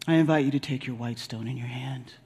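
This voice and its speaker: A man leading a guided spiritual meditation in a deliberate, soothing, gently instructive way with long pauses. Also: medium pitch, a little hiss or hum. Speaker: spiritual leader guiding a meditation.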